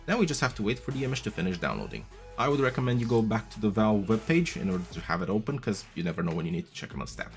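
A tech video host with a low voice races through a relaxed, chatty tutorial walkthrough, yet moves patiently through each step. His pitch swings widely, soft music plays underneath, and he sits close to a studio mic on a boom arm in a small room, wearing headphones.

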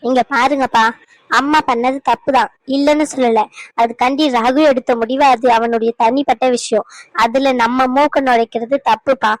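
A woman plays a reasonable young daughter in a cartoon drama. She reasons gently in a high voice. The recording is close and dry. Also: steady tone, moderate pace, no echo, close to an everyday voice, low-quality recording. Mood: reasoning. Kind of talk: cartoon dub acting.

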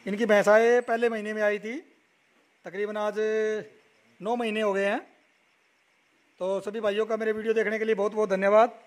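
A young man from Haryana, India, touring a buffalo shed at night and chatting as a dairy vlogger. He repeats numbers and names back and fills pauses with "a". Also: high-pitched, flat delivery. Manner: repeats figures and names back, many "a" fillers. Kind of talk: casual walk-around video with interview.

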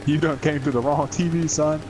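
A man's voice: a little high, steady tone, a little fast, over music. A man chatting casually over a game, teasing his friends with plenty of swearing. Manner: profane, teasing banter. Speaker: gamer.

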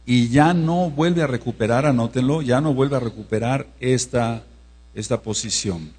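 A man from Mexico giving a teaching sermon as pastor, who checks in with the congregation and slowly spells out words. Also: mid-range voice, a little mellow, breathy edge. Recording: reverberant hall with mains hum.

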